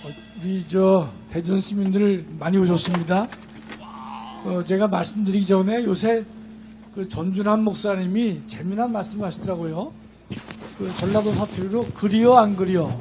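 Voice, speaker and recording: A man's voice: high-pitched, moderate pace, a little mellow, soft background music. A man, a law professor, speaking at an outdoor political rally, chatty and joking, then emphatic. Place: outdoor rally in a station square.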